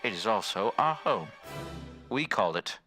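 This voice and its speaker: A man's voice: fairly low pitch, expressive, unhurried, bright, forceful tone, faint music behind. A man playing a solemn military doctor, narrating the introduction to an audio drama in formal storytelling phrases. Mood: solemn, proud. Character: solemn military doctor Watson introducing his secret base.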